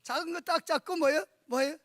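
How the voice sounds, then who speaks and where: At a church conference, a middle-aged man delivers a sermon at a quick pace, his voice extremely high in pitch. He tells stories with animation and keeps asking the congregation rhetorical questions. The audio is studio quality with no echo.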